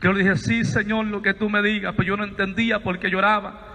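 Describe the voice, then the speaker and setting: A man's voice: sits high, flat delivery, a little fast, bright, forceful tone, in a large hall. A male evangelist preaching a fervent testimony sermon, telling his story and often addressing listeners as brothers.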